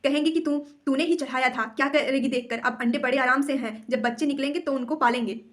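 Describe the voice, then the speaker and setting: A woman's voice: high-pitched, steady tone, brisk. A woman teacher reading a school story aloud and retelling each part in simple words, with frequent hesitations. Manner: reads a passage, then retells it in plain words, with many hesitations. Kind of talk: explaining a school story chapter.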